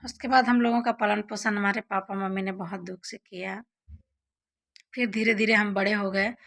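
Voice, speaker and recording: A woman's voice: mid-range voice, steady tone, normal speed, a bit bright. A young woman vlogger casually telling childhood stories to her viewers, often calling them friends.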